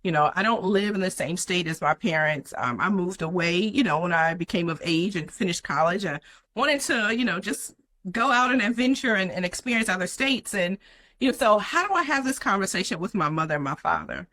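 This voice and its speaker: A woman's voice: on the low side, expressive, a little fast, bright, forceful tone, low-quality recording. A young adult woman, a guest in an interview, telling her personal story in an earnest way with many "you know" fillers.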